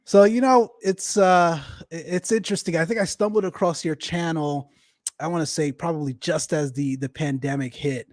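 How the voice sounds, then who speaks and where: A man with a fairly high voice hosts a casual aviation podcast in a dry, close-sounding recording. He talks in a relaxed, welcoming way, full of "uh" and "you know.". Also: moderate pace, dry recording. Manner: relaxed, filler-heavy, welcoming. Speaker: podcast host.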